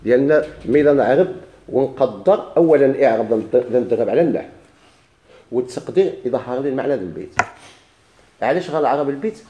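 A man's voice: mid-range voice, expressive, fast talker, muffled recording, slight background noise. A man with a Moroccan Arabic accent teaching a grammar lesson, asking his class questions and answering them himself while he repeats the key points.

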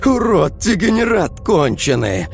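A man voicing a fierce, hot-tempered teenage girl who shrieks insults in a high strained voice. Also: wildly swooping pitch, unhurried, vocal fry, soft background music, full character voice. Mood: furious screaming.

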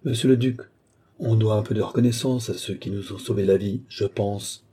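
Man doing a smooth sly sorcerer count, low dark husky voice, polite and sure. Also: fairly even intonation, normal speed. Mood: courtly. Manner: smooth, courtly, assured. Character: suave ageless male sorcerer, courtly and sly. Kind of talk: audiobook reading.

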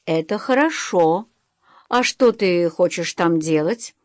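A gruff middle-aged master blacksmith, as a woman narrator reads him in an audiobook. He talks plainly and firmly, pressing his apprentice on. The voice stays close and dry with no room sound. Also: fairly low pitch, lively intonation, slow pace, no room sound. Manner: gruff, a bit hurt, loudly encouraging. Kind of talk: audiobook reading.

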